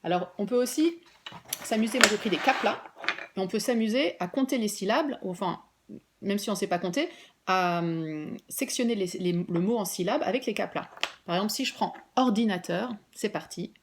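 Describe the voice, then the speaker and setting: A woman preschool teacher giving a remote lesson to parents and children, patiently clapping out syllables and stretching words slowly. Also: medium pitch, lively intonation, a little hiss or hum.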